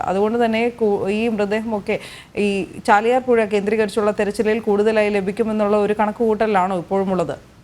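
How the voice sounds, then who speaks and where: A woman's voice: mid-range voice, a little mellow. Woman news anchor posing a long question. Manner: measured, sets up long questions with brief fillers.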